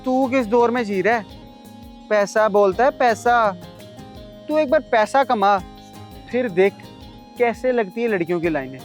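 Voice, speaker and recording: An actor playing a smooth-talking friend who pushes and coaxes, persuasive and pushy. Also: male voice, high-pitched, measured pace, long pauses, soft background music. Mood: coaxing. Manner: coaxing, persuasive.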